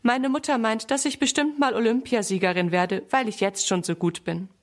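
A woman voicing a proud, hurried schoolgirl rider in a children's story. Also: fairly high pitch, steady tone, close to an everyday voice. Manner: proud, chatty.

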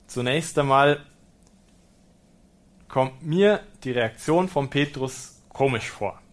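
A man, a priest, reads a Gospel passage and explains it in a reflective sermon, calm and lightly humorous. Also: mid-range voice, takes it slowly. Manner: German-speaking preacher. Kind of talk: sermon with scripture reading.

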